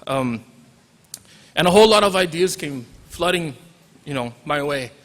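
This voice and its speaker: A teacher from Hawaii in his forties gives an informal commencement address in a large hall, joking around and slipping into Pidgin with his Hawaiian accent. His voice runs on the high side, a bit bright, with lively intonation and a slightly slow pace. The audio is full of hall reverb.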